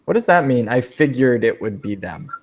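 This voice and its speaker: A man's voice: medium pitch, big pitch swings, normal speed. A man teaching an advanced English speaking class, patiently explaining word meanings with examples. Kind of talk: online language class.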